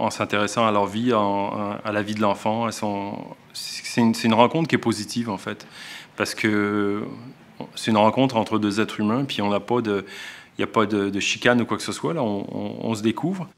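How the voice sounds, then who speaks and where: This man's voice is lowish and steady, at a moderate pace. He's an elementary school teacher with a Québécois accent, giving reflective explanations in a documentary interview and restarting his sentences often as he works out his thoughts.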